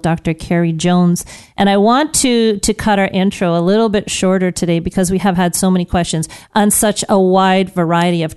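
A woman's voice: medium pitch, a little mellow, clear, resonant tone. A woman hosting a live morning radio health show from a studio, talking as a morning show host does.

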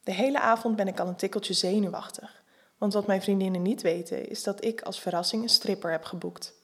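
Woman narrator, erotic audio story, calm reading, mid-pitched voice. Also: fairly quick, slightly rough.

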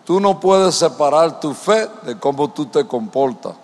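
Pastor preaching with hall reverb. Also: male voice, a little high, animated, unhurried. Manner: rhetorical questions to the congregation. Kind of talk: sermon. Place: church. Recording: long church-hall reverb.

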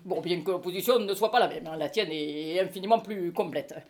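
A woman's voice: lowish voice, fairly quick, a little mellow, natural voice. A woman with a French accent reading the part of an indignant middle-aged husband, in a stage reading. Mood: flustered. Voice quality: pompous, mock-solemn.

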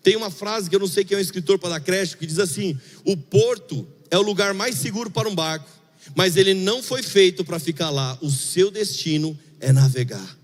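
A man preaching as a pastor, speaking in a chatty, confessional way, dropping to quiet murmurs and rising into fervent bursts. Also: high-pitched, a little fast. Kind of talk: sermon. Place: church hall. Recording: long hall reverb.

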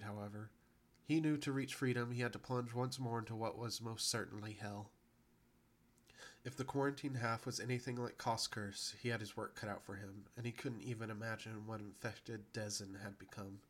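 A man reading a science fiction story aloud as a podcast narrator, telling it in a steady, even way. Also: mid-range voice. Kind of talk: scripted narration.

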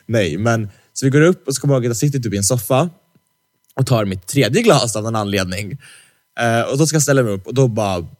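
Young male podcast co-host: chatty storyteller, acts out dialogue, jokey, studio mic. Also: medium pitch. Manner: lively storyteller who acts out quoted dialogue; heavy slang fillers, teasing jokes. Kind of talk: casual podcast chat, storytelling. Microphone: studio microphone.

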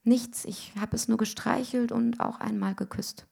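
A woman's voice: a little high, steady tone, moderate pace, creaky, a little mellow, slightly rough, voice pushed up, heavily acted. A woman voicing a small, timid young girl in a read-aloud story. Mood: pleading. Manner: pleading, small.

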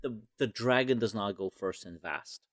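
A man's voice: lowish voice, normal speed, no echo, clean studio sound. A man on a board game podcast, musing hesitantly over guesses. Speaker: podcast co-host. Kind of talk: casual chat.

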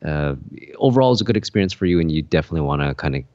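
Casting: low male podcast co-host, rambling casual talk, dry dull-sounding recording. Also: expressive, racing, a little mellow, dry recording. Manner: rambling, many fillers and restarts. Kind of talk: casual chat.

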